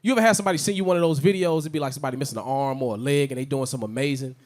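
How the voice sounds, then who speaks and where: A young man from Chicago doing an animated stand-up set, slipping into shouted character voices. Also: medium pitch, very fast. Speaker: stand-up comedian.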